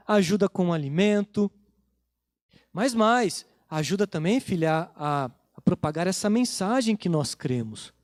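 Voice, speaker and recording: High-voiced Brazilian pastor preaching. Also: male voice, darkish tone, no room sound, studio quality. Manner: conversational storytelling, retelling family dialogues. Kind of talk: sermon. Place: church.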